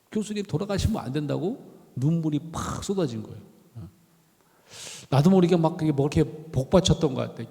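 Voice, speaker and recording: Speaking in a fairly high, creaky voice, a middle-aged man delivers a storytelling lecture as a guest professor. He performs the quoted voices with animation, and the large university chapel hall adds long reverb.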